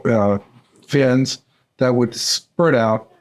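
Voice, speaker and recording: An older man from Central Arkansas, a dental surgeon answering podcast interview questions in an unhurried way, with frequent "uh" fillers. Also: medium pitch. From Central Arkansas, USA. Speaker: dental surgeon and course mentor.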